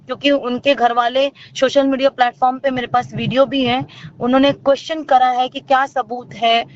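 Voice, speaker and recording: A high-voiced woman, an actor and singer appearing as an interview guest, tells her side of things by phone at a moderate pace and in a level tone. She sounds emphatic and accusing. The call recording is dull and lo-fi, with noticeable noise.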